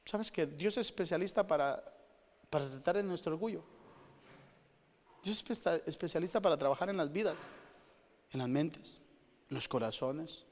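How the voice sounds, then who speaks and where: A man preaching from the pulpit, his somewhat high voice ringing out with a long reverb from the church hall. He talks to the congregation in a lively, conversational way, asking questions, then swings from loud exclamations to hushed asides. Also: moderate pace, pauses often. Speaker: pastor. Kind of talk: sermon.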